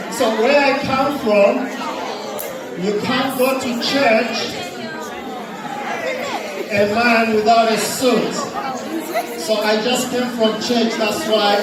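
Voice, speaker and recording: A Zambian man in his forties gives a chatty, humorous talk to an audience in a large indoor hall, using a handheld mic and leading call-and-response. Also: high voice. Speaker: guest speaker. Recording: echoey hall from far off with crowd and noise.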